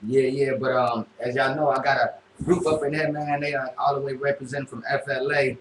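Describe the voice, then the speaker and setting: A man's voice: medium pitch, little pitch movement, fairly quick. Laid-back man hosting a radio chat. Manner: laid-back, drawling, many fillers. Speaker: radio host. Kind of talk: casual interview chat. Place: radio studio room. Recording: echoey room, faint noise.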